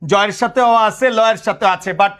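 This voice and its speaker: A man's voice: high-pitched, fairly even intonation, normal speed, fairly bright tone, clear, resonant tone. A man in his thirties teaching an exam-prep lesson, drilling students with repeated questions and mixing in English words. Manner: code-switches into English words.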